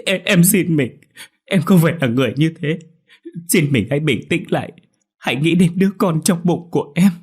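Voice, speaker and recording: A man's voice: on the high side, lively intonation, moderate pace, husky, pitched above the performer's own voice. A man voicing a terrified young pregnant wife who begs tearfully for mercy. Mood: desperate pleading. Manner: tearful begging.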